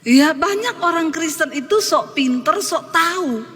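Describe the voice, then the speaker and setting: A woman pastor preaches with a high, bright, ringing voice, telling stories with lively, animated delivery. Her words carry a long church reverb over faint room ambience. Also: measured pace, a little hiss or hum. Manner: lively storytelling, acts out quotes. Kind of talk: sermon.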